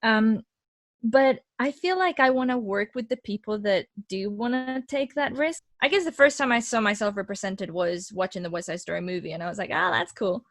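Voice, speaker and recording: Young woman, candid, animated, restarts her sentences, video call, dry close sound. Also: medium pitch, a little fast, dry recording. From Mexico. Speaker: actress and guest. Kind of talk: casual interview conversation.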